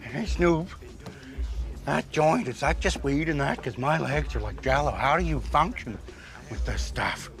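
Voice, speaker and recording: An actor playing a meek, excitable man who gushes in awe. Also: fairly high pitch, measured pace. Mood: dazed. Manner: awed and excitable. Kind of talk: mockumentary sitcom acting.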